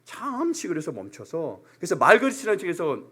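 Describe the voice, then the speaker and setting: A man's voice: fairly high pitch, a little fast, slightly rough. A male pastor preaching a sermon in a church, speaking with emphasis and briefly acting out the voices of ordinary people. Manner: animated, emphatic, briefly acts out everyday complaints. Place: church sanctuary.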